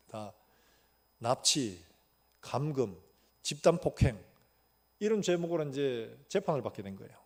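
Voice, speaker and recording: A man's voice: medium pitch, mellow. A male pastor preaching a sermon, telling a story animatedly and acting out the dialogue. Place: church sanctuary.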